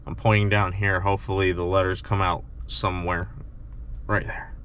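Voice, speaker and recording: A man's voice: deep voice, little pitch movement, normal speed, fairly bright tone, clean tone. A young man chatting and joking to camera in a casual fishing vlog, filmed in a parked truck on a dashboard camera. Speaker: fishing vlogger.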